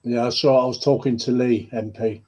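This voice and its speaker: Husky man, friendly banter on a call. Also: medium pitch, fairly even intonation, normal speed, mellow. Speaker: guest on a livestream. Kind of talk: casual chat.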